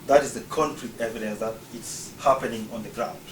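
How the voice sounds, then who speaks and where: In a prepared talk, a man from Uganda works through his points one at a time, speaking briskly in a steady, medium-pitched voice. The recording is roomy and distant-miked, with faint ambience and a noisy background.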